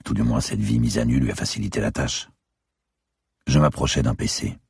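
A man narrating a dark crime thriller in the first person, with a measured, descriptive reading. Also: extremely low pitch, huge pitch swings, creaky, breathy edge, no echo, clean studio sound. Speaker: audiobook narrator.

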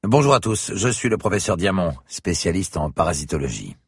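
Guy doing a stiff science prof lecturing, husky voice, bit higher than his own, bouncy pitch. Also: sing-song, brisk, no room sound, clean studio sound, exaggerated voice. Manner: lecturing, precise. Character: grave, pedantic male parasitology professor.

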